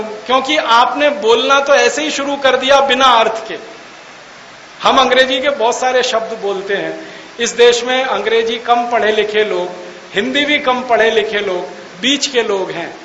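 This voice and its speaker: A man's voice: very high-pitched, bright, forceful tone, lo-fi sound. A man giving a mocking, argumentative public talk, full of rhetorical questions and words spelled out letter by letter. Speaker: public speaker. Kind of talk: lecture to an audience. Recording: echoey hall, faint hiss.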